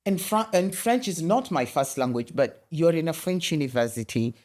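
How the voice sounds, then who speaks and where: With a deep voice and normal speaking speed, this middle-aged woman from Kenya is interviewed in a conversational setting. She shares lively stories, frequently breaking off to start again.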